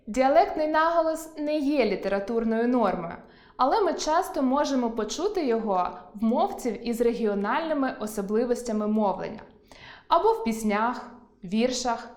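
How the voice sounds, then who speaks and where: A woman teacher giving an online school lesson, slowly stressing words to show where the accent falls. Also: on the high side, echoey room.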